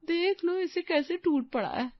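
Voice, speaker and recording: A woman's voice: very high voice, a little slow, no room sound, muffled recording. A woman voicing a young best friend who gossips and mocks in a teasing way. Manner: mocking, gossipy.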